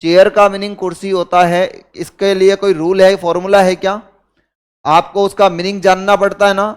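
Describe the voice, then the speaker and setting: A man's voice: high voice, little pitch movement, moderate pace, clear, resonant tone. An Indian man teaching a class, explaining rules and firing rhetorical questions at his students. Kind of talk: classroom lecture.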